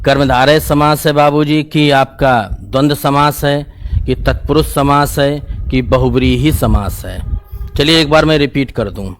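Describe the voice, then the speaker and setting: A male teacher, giving an exam-prep grammar lesson in a casual, repetitive questioning style. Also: medium pitch. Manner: explains in a casual, colloquial style, asks questions and repeats the answers.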